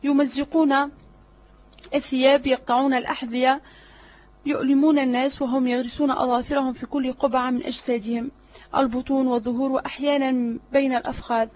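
A woman voicing a cunning, flattering male servant in an audiobook drama reading, obsequious and sly. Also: high voice, fast, close to an everyday voice.

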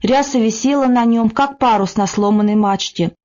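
A woman narrates classic prose in an even, measured way, her voice sitting fairly high. The recording is dull and lo-fi, with the top end missing. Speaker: audiobook narrator. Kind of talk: scripted narration.

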